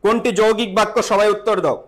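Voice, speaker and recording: A man's voice: sits high, little pitch movement, fast talker, a bit bright. A man teaching grammar in a live online class, repeating rules and quizzing students with call-and-response questions, slipping in English words. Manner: mixes English words into speech.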